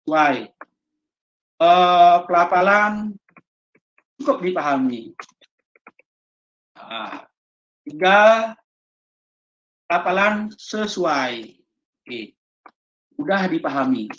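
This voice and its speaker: Indonesian woman trainer, lower voice, unhurried and hesitant delivery, dull lo-fi audio. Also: animated. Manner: slow, halting explanation with many fillers. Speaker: teacher trainer. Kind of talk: online training lesson.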